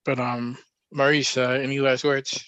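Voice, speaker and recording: A man hosting a podcast, speaking in a reflective, measured way with frequent pauses and fillers. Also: medium pitch, level tone, fairly bright tone, dry recording, highs cut off. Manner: reflective, measured, thinking aloud with many fillers. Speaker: podcast host. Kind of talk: casual podcast discussion.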